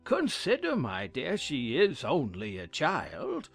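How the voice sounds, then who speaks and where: A man's voice: medium pitch, huge pitch swings, slow pace, vocal fry, a bit bright, breathy edge, faint music behind, full character voice. A man playing a mild, fussily precise king in a storybook audio drama. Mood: mild, kindly. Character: fussy, gentle, dithering King of Hearts.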